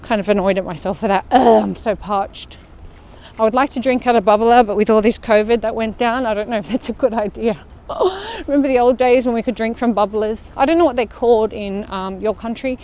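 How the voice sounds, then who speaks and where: A woman's voice: on the high side, fast, few pauses, darkish tone. An Australian woman leading a walking workout, chatting casually as she walks through an outdoor park. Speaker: fitness vlogger leading a walk. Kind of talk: casual walk-along chat.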